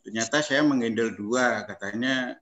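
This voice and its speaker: A man's voice: mid-range voice, a little slow, a bit bright, highs cut off. A male visiting professor from Surabaya, giving casual meeting remarks and joking between points. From Indonesia (Surabaya). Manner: jokey, laughs between points.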